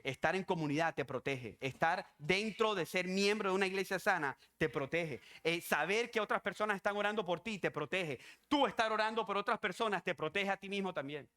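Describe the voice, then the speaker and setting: A man's voice: sits high, sharp tone. A man preaching a sermon as pastor, emphatic and repetitive, driving home his points with rhetorical questions.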